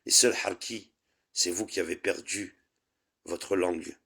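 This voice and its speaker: A man's voice: sits low, fairly even intonation, a little slow, vocal fry, pushed and bright, husky. Taunting man ranting. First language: Arabic. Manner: taunting, insulting, combative. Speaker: live stream host. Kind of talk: heated live-stream rant.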